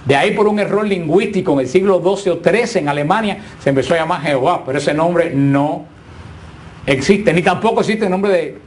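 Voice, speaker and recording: A man's voice: on the high side, brisk. Man lecturing a Bible class. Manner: asks the class questions, repeats himself. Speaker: Bible teacher.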